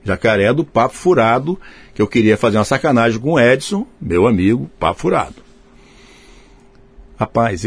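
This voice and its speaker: Husky-voiced man telling a lively tale. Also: fairly low pitch, dry recording. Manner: lively, laughing, mimics others in a raised voice. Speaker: samba composer. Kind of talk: casual storytelling anecdote.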